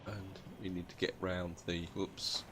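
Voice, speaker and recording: A man's voice: low voice, little pitch movement, measured pace. A British man, sounding half asleep, giving casual commentary as he hosts a video game playthrough. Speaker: video game let's-play host. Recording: noticeable background noise.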